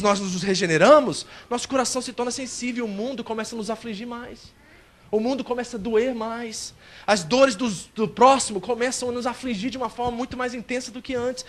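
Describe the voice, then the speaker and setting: A male pastor preaching a sermon at a church service, animated and acting out a believer's complaints. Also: very high-pitched.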